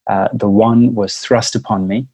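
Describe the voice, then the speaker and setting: A South African man telling his life story in a relaxed conversational interview, speaking over a video call with a warm storytelling manner and frequent chuckles. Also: fairly low pitch, unhurried, breathy edge, dry recording. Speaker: lead singer, interview guest.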